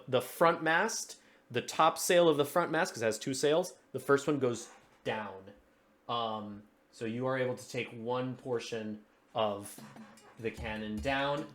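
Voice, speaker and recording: A man's voice: medium pitch, a bit bright, slight background noise. A man running a tabletop game as game master, narrating in a loose, chatty way. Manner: loose and chatty, fumbles with tools mid-scene.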